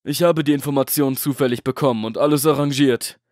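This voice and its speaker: A man's voice: medium pitch, a little fast, a little mellow, no room sound, studio quality, natural voice. A man playing a cold, smug middleman. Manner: clipped, commanding, coolly threatening. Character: cold scheming male middleman, smug and menacing. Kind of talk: audiobook drama acting.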